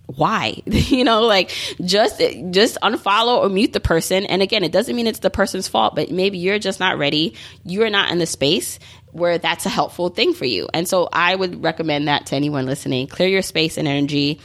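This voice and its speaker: A woman's voice: lowish voice, normal speed, a bit bright. A woman in her thirties hosting her own podcast, talking in a chatty, upbeat and encouraging way with plenty of "like" and "you know". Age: 30s. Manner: chatty, upbeat, motivational, many fillers. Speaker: podcast host. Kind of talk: solo podcast monologue.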